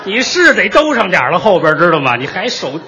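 A man playing the straight man in a crosstalk comedy routine, teasing his partner with quick puns. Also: high voice, big pitch swings, sharp tone, some chatter behind.

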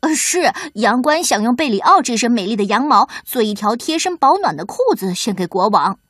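A woman's voice: fairly high pitch, lively intonation, fairly quick, fairly bright tone, dry recording, clean studio sound. A woman voicing Camelido, a clever and confident young chick in a children's audio story.

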